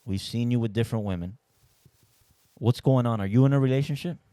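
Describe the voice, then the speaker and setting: A man's voice: medium pitch, fairly quick, dark tone, clean tone, no echo, clean studio sound. Playful man hosting a podcast. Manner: playful, teasing. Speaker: podcast host. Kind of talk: casual interview.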